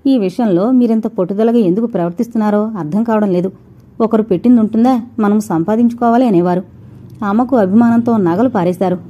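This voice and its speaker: A woman voicing a patient young wife who speaks softly and pleads. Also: medium pitch, a little fast, highs cut off, lightly acted. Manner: soft, pleading.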